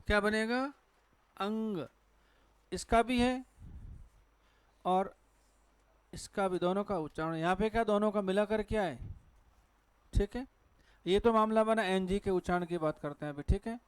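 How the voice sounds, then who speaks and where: Male teacher with a Hindi accent, high clear voice, dry sound, quizzing the class and answering himself. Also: a little slow, pauses often, dry recording. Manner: asks the class questions and answers them himself. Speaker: English teacher. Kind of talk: classroom lecture on pronunciation. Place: classroom with a board.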